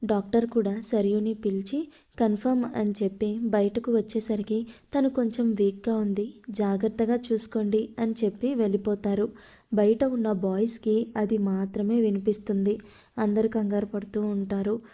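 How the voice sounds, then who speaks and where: Woman storyteller, love story narration, monotone, very dark mellow voice. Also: medium pitch, normal speed. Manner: steady, flat reading.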